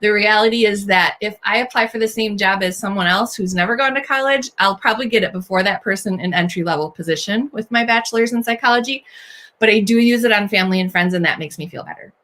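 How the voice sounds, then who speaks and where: A woman's voice: medium pitch, fast talker, a bit bright. A woman hosting a faith-based encouragement talk for women, speaking earnestly and straight to the listener as she reassures them. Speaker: host.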